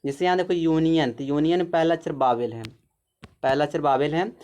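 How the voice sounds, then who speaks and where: A man's voice: fairly high pitch, brisk, a little mellow. A man giving a grammar lesson, explaining patiently, repeating each point and checking in with short confirmations. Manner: patient, repetitive explaining with frequent "theek hai". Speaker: teacher. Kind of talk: grammar lesson over a zoomed screen.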